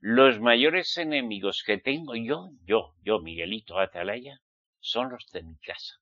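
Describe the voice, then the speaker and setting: A preacher from the Basque Country, Spain, speaks a little slowly in a lowish, animated voice that sounds pushed and bright, captured in lo-fi audio without echo. With his Spanish accent, he admonishes his listeners in a fiery sermon full of rhetorical questions.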